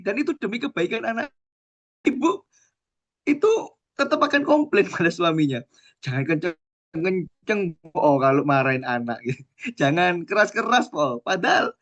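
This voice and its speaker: A man's voice: high-pitched, gravelly. A man gives a sermon. He tells stories with energy, acts out the lines of the people in them and asks his listeners questions. He sounds like a preacher in his thirties. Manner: lively storytelling preacher who acts out quotes and asks the audience questions. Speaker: Islamic preacher.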